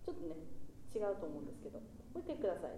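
A woman's voice: fairly low pitch, sing-song, racing, recorded from a distance. Female choir conductor, encouraging and polite, demonstrates by singing; roomy hall, off-mic. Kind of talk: choir rehearsal coaching.

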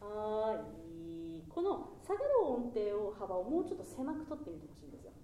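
A woman's voice: wildly swooping pitch, fast talker, warm tone, slight background noise. Woman coaching a choir, singing examples. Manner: demonstrates pitches by singing; polite, encouraging corrections. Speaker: choir conductor. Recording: roomy rehearsal hall, mic far off.

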